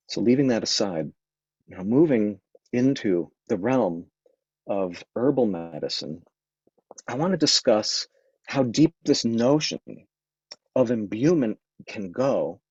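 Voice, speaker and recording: Sniffling from a cold, a man lectures informally on Taoist medicine, thinking as he goes and often restarting or saying um. His pitch is fairly low, a little mellow with a breathy edge, and there's no echo. The microphone recording sounds dull, dry and lo-fi.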